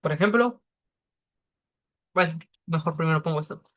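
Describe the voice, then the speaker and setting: A man's voice: a little high, normal speed, a bit bright. A man teaching a beginner English lesson, explaining step by step with patience.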